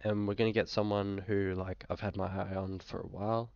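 A young Australian fantasy football vlogger, feeling a bit ill and coughing at times, speaks a little fast in a flat, low voice with fry. His casual screen-share commentary is laid-back and hesitant, loaded with fillers. The recording, made in a small room indoors, is dry with a dull webcam quality.

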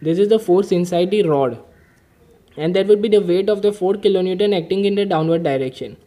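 A man's voice: high voice, brisk, warm tone. A man explaining an engineering mechanics problem step by step while drawing diagrams, methodical and patient. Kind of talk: whiteboard-style problem-solving lesson.

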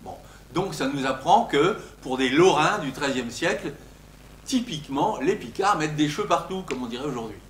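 An older man, a linguistics professor, giving an academic lecture, animated and emphatic on his example words, with frequent hesitations. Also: fairly high pitch, normal speed, slight background noise. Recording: echoey lecture room.

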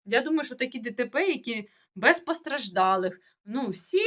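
This village-life vlogger, a young Russian-speaking woman with a sore throat, talks casually to the camera about daily life. Her voice sits on the high side, animated and fairly bright, at a normal speed. She sounds puzzled, wandering off topic and starting sentences over.

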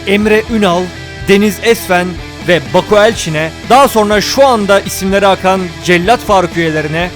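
A man rattles through gameplay commentary at a rapid clip, joking and yelling at the characters. His voice sits high for a man and stays lively and excitable. Faint music plays behind him. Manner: excitable, jokey, shouts at characters. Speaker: gaming YouTuber. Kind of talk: playful game commentary.

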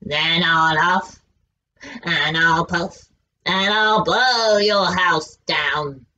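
A woman voicing a big, bad, hungry male wolf in a slow, low, drawn-out growl, recorded from a distance on dull lo-fi audio. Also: bright, forceful tone, full character voice. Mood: menacing.

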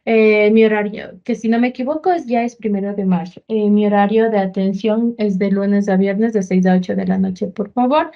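Brief: Ecuadorian female teacher wrapping up a class, muffled low-fi sound. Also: fairly even intonation, moderate pace, hardly any pauses. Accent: Ecuadorian Spanish. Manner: gives reminders and asks for questions. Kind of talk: class announcements. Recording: dull lo-fi audio.

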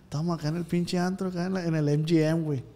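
A man tells slangy stories on a casual podcast, slipping into the voices of the people he describes. His voice sits a little high for a man. The room carries a long, ringing reverb. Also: steady tone, very fast, warm tone. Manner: slangy storyteller, acts out voices in anecdotes. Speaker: podcast host.

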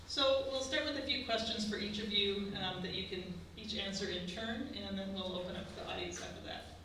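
A woman's voice: medium pitch, a little fast, sharp tone, slight background noise. A woman moderating a panel, reading out introductions and posing questions. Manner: reads the introduction, then asks questions. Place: large lecture room, indoors. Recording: echoey room from far off.

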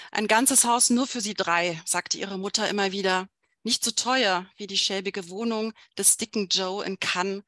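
A woman translator at a literary event, talking about a novel with some hesitation and then reading a passage aloud in a measured way. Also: medium pitch, fairly bright tone, no echo, clean studio sound. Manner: measured, with frequent hesitations in talk.

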